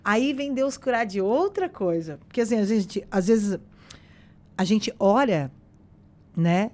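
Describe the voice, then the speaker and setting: A woman, a podcast guest sharing a personal faith testimony in a casual, animated way, acting out the dialogue she retells. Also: medium pitch, slow pace. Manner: animated storyteller who acts out quoted dialogue.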